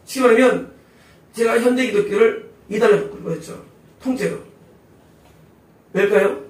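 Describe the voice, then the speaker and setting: A man's voice: sits high, moderate pace. A male pastor preaching a sermon emphatically, constantly asking the congregation rhetorical questions. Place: church sanctuary. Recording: echoey hall, voice from far off.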